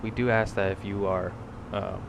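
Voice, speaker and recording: A young man giving a formal, courteous, slightly halting pilot's announcement to passengers, over loud engine rumble. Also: little pitch movement, gravelly. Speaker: simulated airline pilot addressing passengers.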